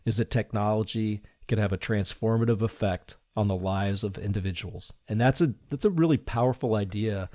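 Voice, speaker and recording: Low-voiced reflective man, dry sound. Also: a little fast, hardly any pauses, darkish tone, no room sound. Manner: reflective, earnest, laughs lightly while talking. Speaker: podcast guest, design leader. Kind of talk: conversational interview.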